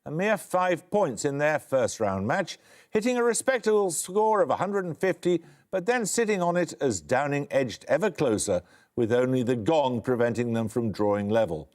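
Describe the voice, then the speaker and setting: A man hosting a quiz show, reading questions crisply and giving dry, wry introductions. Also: a little high, lively intonation, normal speed, a little mellow. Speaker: quizmaster.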